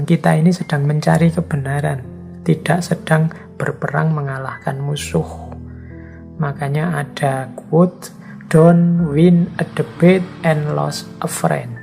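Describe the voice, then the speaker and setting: A man giving a spoken lecture, deliberate and listing his points one by one. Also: fairly high pitch, creaky, darkish tone.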